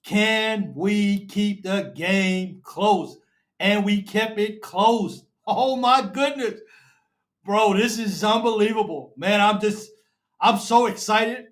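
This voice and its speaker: A man hosts a live fan show, excited and emotional, repeating himself and calling listeners baby and bro. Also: high-pitched, takes it slowly.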